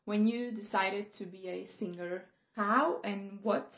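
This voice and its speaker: A woman's voice: medium pitch, a little slow. A woman hosting a podcast as a vocal coach, asking long, rambling questions with encouraging asides. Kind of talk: casual podcast interviewing. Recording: roomy, slightly dull podcast audio.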